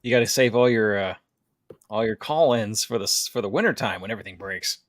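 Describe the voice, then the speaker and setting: A man's voice: lowish voice, a little fast, no echo, clean studio sound. A man, co-hosting a casual chat and trading pirate puns and jokes. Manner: punning, playful, jokey. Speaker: podcast co-host.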